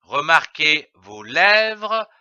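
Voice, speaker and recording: A man narrating a reading lesson, spelling out letters and syllables one by one with long, careful pauses. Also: on the high side, sing-song, sharp tone, clean tone, no room sound. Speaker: reading teacher. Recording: dull, lo-fi dry voice-over.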